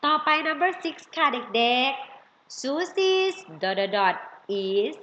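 A woman with a Thai accent teaches children English family words in a high, sing-song, somewhat bright voice, speaking very slowly as she coaxes them and stretches out each English word. It's a bilingual vocabulary lesson for kids, captured in roomy, slightly dull audio with a faint background hiss.

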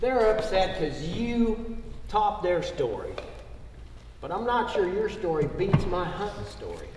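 A man's voice: sits high, a little slow, background noise. A man playing a folksy, easygoing cowboy soldier in a live stage play. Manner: relaxed, folksy drawl. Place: theater stage. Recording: echoey theater hall from far off.

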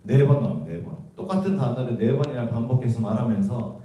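A man's voice: mid-range voice, lively intonation, fast, warm tone. A man teaching a Bible class, asking students questions and explaining the verses. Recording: echoey room from far off.

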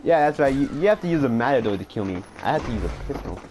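A young man in casual gaming chat, boastful and excitable, trash-talking his opponents. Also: medium pitch, racing. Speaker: gamer. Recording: noisy background hiss.

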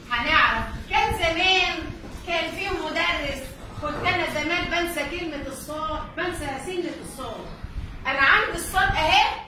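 A woman with an Egyptian accent teaching children to read, patient and repetitive, often checking they understood. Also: extremely high pitch. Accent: Egyptian Arabic. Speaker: Arabic reading teacher. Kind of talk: online lesson for children. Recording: very echoey room, distant mic, noisy.

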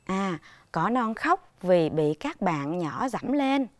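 A woman primary school teacher giving a televised reading lesson to young children, speaking patiently and enunciating clearly. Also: mid-range voice, big pitch swings, slow, slight background noise.

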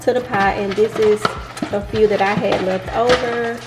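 A woman's voice: medium pitch, steady tone, normal speed, heavy background noise. Chatty woman cooking at home. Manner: chatty, enthusiastic about ingredients. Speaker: cooking vlogger. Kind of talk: casual cooking walkthrough. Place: home kitchen.

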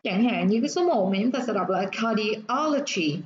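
A woman teaching nursing English, explaining step by step and repeating words slowly to show where the stress falls. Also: mid-range voice, lively intonation, muffled recording, slight background noise.

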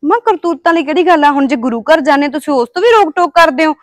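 An actress with a Punjabi accent playing an earnest, kind-hearted young daughter-in-law who talks back at home and consoles a stranger. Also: female voice, high-pitched, animated, quick pace, dry recording. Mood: arguing. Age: young adult. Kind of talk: village family drama acting.

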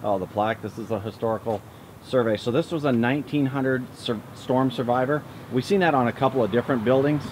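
A man's voice: medium pitch, fast talker, darkish tone. A middle-aged man chatting upbeat to a handheld camera, touring a town on foot and by car as an RV travel vlogger. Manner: upbeat, chatty, talks straight to the camera while walking and driving. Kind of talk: casual travel vlog narration. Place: outdoors in a town and inside a car. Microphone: handheld camera, arm's length. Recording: noisy outdoor and car ambience.

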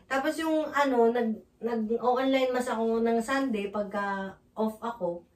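A woman sharing a heartfelt church testimony in casual chat, emotional and halting, with many restarts and frequent laughter. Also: on the high side. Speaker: church member giving testimony. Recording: echoey room from far off.

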